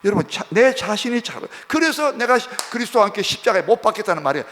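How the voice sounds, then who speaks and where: A man's voice: high voice, very animated, fast talker, a bit bright. A male pastor preaching a sermon in a church, emphatic and repetitive, often checking in with the congregation. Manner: emphatic, repeats points, prods the congregation with "예?". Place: church sanctuary. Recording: long church hall reverb.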